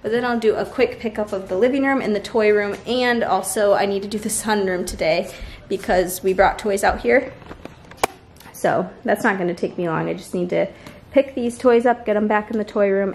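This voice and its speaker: Chatty young mom vlogging at home. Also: female voice, mid-range voice, fairly quick, a little mellow, a little hiss or hum. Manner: chatty, matter-of-fact, talks to her children in between. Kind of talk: casual vlog narration. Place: home, backyard and kitchen. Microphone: handheld camera mic.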